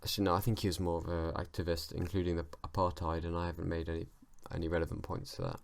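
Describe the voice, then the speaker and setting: A man's voice: deep voice, little pitch movement, very fast, gravelly, no room sound. A young man hosting a solo comedy podcast, rambling and mumbling through a self-mocking stream of thought on a home mic. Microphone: home mic with makeshift pop filter.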